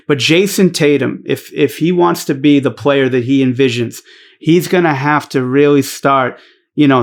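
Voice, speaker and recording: A man with a Boston accent, a podcast guest talking bluntly and emphatically, with some swearing and plenty of restarts. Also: medium pitch. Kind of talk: casual podcast chat.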